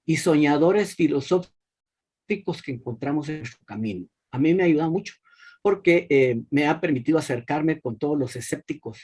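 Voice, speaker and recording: A man with a somewhat high, husky voice speaking over a video call. He talks in a casual, colloquial way, speaking from his own experience and giving thanks as a participant in an online talk. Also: lively intonation, moderate pace, a little mellow. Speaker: conference participant. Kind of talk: casual spoken comment. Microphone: video call microphone.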